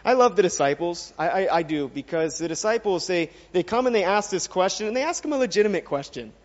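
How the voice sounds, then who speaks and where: Man, preacher, high voice, earnest sermon, long hall reverb, muffled sound. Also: animated, fast talker. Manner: earnest, asks the listeners many questions.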